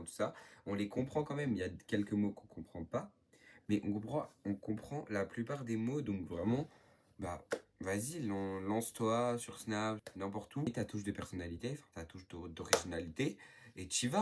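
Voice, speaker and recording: Answering questions from his viewers, a northern French teenage YouTuber rambles casually and leans heavily on fillers. His fairly low voice is a little mellow, and a faint hiss or hum runs under the recording.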